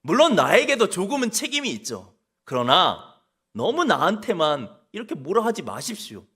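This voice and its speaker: A preacher acting out an indignant ancient king who shouts and makes excuses. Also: high voice, wildly swooping pitch, normal speed, breathy edge, heavily acted. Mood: self-pitying excuses. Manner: shouting, indignant, self-justifying. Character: King David, furious then full of excuses.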